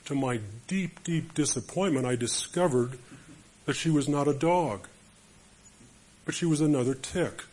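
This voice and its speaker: Husky man preaching to men. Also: a little high, a little slow, long pauses, darkish tone. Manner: emphatic, storytelling. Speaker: speaker to men. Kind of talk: sermon.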